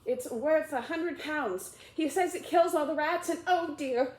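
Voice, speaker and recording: A woman's voice: high-pitched, lively intonation, fairly quick, roomy sound, voice pushed up. Alice, as a woman reading puts her on. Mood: eager. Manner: eager and hasty, apologetic. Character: polite, eager young girl, Alice.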